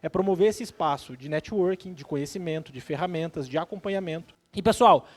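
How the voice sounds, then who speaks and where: A man's voice: a little high, brisk. A man hosting a live event, announcing the first speaker from the stage. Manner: upbeat, building up the introduction. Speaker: event emcee.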